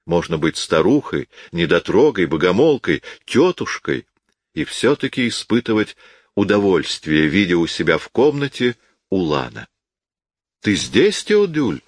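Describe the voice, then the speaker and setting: A man narrating a classic novel as an audiobook in a measured, unhurried way. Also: low voice, very animated, no room sound, clean studio sound.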